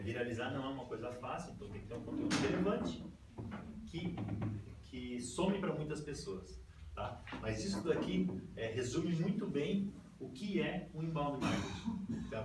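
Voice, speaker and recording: A man's voice: on the high side, lively intonation, normal speed. A Brazilian man presents to a group, explaining step by step and often checking in with "tá?". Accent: Brazilian Portuguese. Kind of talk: informal talk with slides. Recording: echoey room, far mic, noisy.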